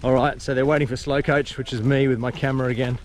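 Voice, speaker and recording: Speaking quickly in a mid-range, level voice, a man narrates his casual travel vlog while touring mostly outdoors. He's wry and understated yet appreciative, and the handheld outdoor footage carries surrounding noise.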